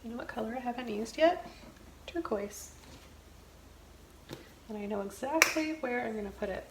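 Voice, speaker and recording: A woman giving a casual step-by-step painting tutorial as a gentle, easygoing instructor. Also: on the high side, lively intonation, moderate pace. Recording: roomy echo, faint background noise.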